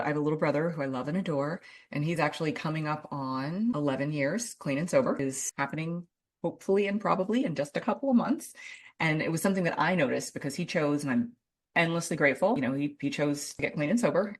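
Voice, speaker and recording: A woman hosting a podcast, chatting effusively and casually, filling her talk with "like". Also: sits low. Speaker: podcast host. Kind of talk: casual interview chat.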